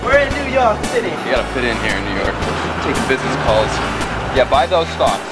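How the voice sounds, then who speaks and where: Excitable young man, lively upbeat delivery. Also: medium pitch, fairly quick, rough recording. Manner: excitable, bursts into loud exclamations. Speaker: intern on a travel and bike channel. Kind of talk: casual vlog chat. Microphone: handheld camcorder. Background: music playing.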